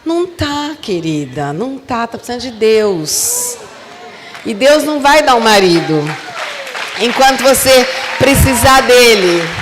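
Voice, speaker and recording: A Brazilian woman pastor with a high, ringing voice preaches in a church, moving from loud exhortation to soft asides. She keeps calling on the congregation to repeat her words. Her voice trails a long reverb through the sanctuary. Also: slight background noise. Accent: Brazilian Portuguese. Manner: calls on the congregation to repeat and respond. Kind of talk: sermon.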